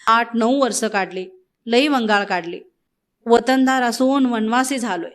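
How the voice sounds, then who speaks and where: A woman's voice: a little high, measured pace, lightly acted. A woman reading the part of an anxious village man pleading in rustic dialect.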